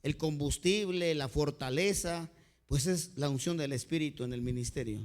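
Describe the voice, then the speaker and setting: A Mexican man preaches a sermon with a somewhat high voice. His loudness rises and falls as he tells earnest stories. He speaks straight to his congregation as a pastor. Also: normal speed. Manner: earnest storytelling, often addressing listeners as "hermanito"; dynamic delivery, sudden swings in loudness.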